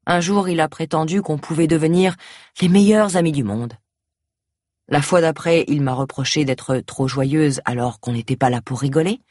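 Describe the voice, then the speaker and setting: A woman narrating a first-person audiobook in a wry, mocking, lively manner. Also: low-pitched, moderate pace, no room sound, studio quality.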